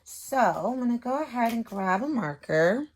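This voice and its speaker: This woman teacher has a fairly high, expressive voice and speaks at a normal speed. She keeps it casual and simple for young children, drawing as she goes and checking in with little questions.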